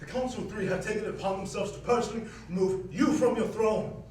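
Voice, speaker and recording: Loyal royal advisor played by stage actor: anxious, deferential, fairly high male voice, distant in a very echoey theatre. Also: fast, darkish tone, close to an everyday voice. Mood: anxious pleading. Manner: deferential, pleading. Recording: echoey theatre, distant mic, faint noise.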